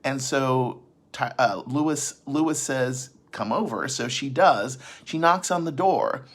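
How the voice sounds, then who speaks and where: A man's voice: mid-range voice, slow pace, a bit bright. A man casually recapping a film's plot for his vlog audience, rambling, often restarting sentences and adding asides. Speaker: vlogger recapping a film.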